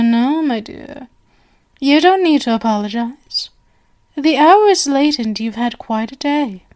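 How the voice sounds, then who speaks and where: In an ASMR roleplay, a woman with a voice that sits high plays a genial yet sinister stage magician. The character is possessive and doting, coaxing the listener with flowery endearments.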